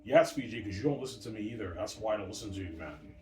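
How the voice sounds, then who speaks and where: A very low-voiced man in his thirties rambles casually from across an echoey room, his voice distant from the mic. He drifts between topics, curses freely and talks back at absent people. Household noise and faint music sit behind him. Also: expressive, rapid-fire, a little mellow. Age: 30s. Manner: meandering, casual, swears, argues with absent people. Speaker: vlogger. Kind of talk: late-night rambling monologue. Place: room at home, family upstairs.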